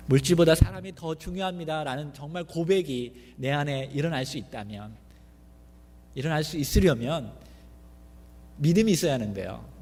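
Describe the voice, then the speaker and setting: A man's voice: mid-range voice, darkish tone, slight background noise. A male pastor preaching a sermon, often asking the congregation questions. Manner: asks the congregation many questions. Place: church sanctuary. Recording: long reverb of a church hall.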